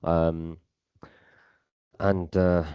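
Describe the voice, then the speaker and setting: A man's voice: sits low, level tone, very slow, clean tone, dry recording, highs cut off. A man, co-hosting a podcast in laid-back casual chat. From England. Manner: laid-back, lots of short agreeing replies. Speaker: podcast co-host.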